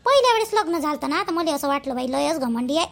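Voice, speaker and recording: A woman with a Vidarbha Marathi accent voices a dutiful young newlywed daughter-in-law in a village cartoon, chatty, rustic and deferential. Her high, creaky voice is expressive and fast.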